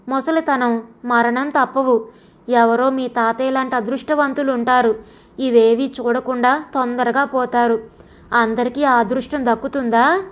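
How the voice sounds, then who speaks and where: A woman voicing a frail, bedridden old grandmother who speaks gently and with resignation, in an audio story. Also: on the high side, close to an everyday voice.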